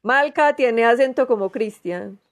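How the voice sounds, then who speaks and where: A woman from Manizales with a Colombian paisa accent, co-hosting a podcast in relaxed, chatty storytelling with fillers. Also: on the high side, unhurried. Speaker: podcast co-host. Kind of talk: casual chat.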